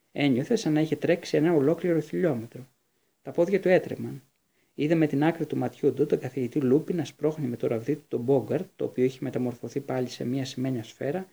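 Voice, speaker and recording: Gravelly-voiced male audiobook narrator. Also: medium pitch. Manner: steady storytelling. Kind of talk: audiobook reading.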